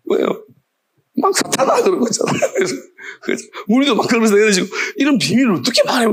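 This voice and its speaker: A man's voice: sits high, creaky, breathy edge. A male pastor preaching a sermon, firing off challenging rhetorical questions in a scolding tone.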